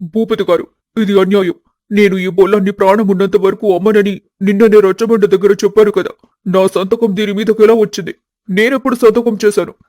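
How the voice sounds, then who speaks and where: A man voicing an earnest older farmer and father in an animated family story. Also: high-pitched, brisk, no room sound, close to an everyday voice. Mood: pleading. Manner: earnest, pleading.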